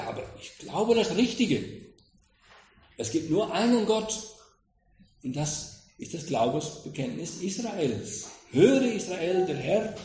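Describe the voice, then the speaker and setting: Lively man preaching in an echoey room. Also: on the high side. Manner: lively, questioning, addresses listeners directly. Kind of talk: sermon expounding scripture. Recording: echoey room with faint noise.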